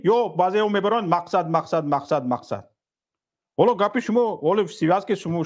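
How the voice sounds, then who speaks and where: Man, call-in host, stern, scolding, slightly high pitch. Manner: stern, rebuking. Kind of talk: heated call-in talk.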